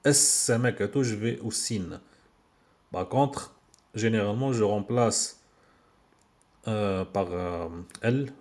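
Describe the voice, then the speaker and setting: A man's voice: on the low side, takes it slowly, long pauses, darkish tone. A man giving an informal video lesson on Arabic letters, patiently repeating words for learners, recorded on a handheld phone. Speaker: Arabic teacher.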